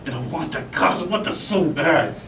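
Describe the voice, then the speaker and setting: In a dramatic monologue, a man plays a bitter bar owner and father, confrontational and blaming himself, with an animated, lightly acted delivery that feels earnest and yearning. His speech is halting, and he repeats phrases to drive them home. The mic is distant, the room echoes, and a clear rumble runs underneath.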